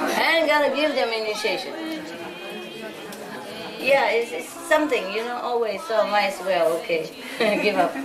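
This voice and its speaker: A woman from Vietnam, a spiritual teacher, giving an informal lecture and telling stories in a chatty way with many "you know?" asides. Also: high-pitched. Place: large hall with an audience. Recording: echoey hall from a distance with audience.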